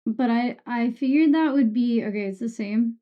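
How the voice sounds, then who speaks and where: On a livestream, a woman with a slightly high voice and moderate pace talks casually with her viewers, swearing and poking fun at herself. Harsh, sibilant S sounds come through a streaming mic with EQ and compression, and the overall sound is muffled and dull.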